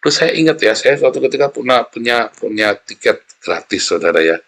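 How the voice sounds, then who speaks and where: A man preaching a sermon as a pastor, animated and conversational, often calling out to his listeners. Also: mid-range voice, a little fast, gravelly.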